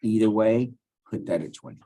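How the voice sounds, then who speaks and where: Low husky male teacher. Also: sing-song, moderate pace, mellow. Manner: step-by-step, talks while clicking; casual, thinks aloud. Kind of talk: screen-recorded software tutorial.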